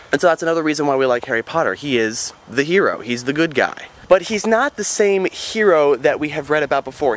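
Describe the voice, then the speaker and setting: A man's voice: mid-range voice, fairly bright tone. A young man giving a casual vlog book review, earnest and chatty with dry self-mocking asides.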